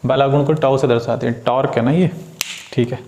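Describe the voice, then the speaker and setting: A man's voice: mid-range voice, fairly even intonation, brisk, warm tone, a little hiss or hum. Patient male physics teacher. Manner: patient, addresses students as beta, asks and answers own questions. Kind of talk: classroom problem-solving lesson.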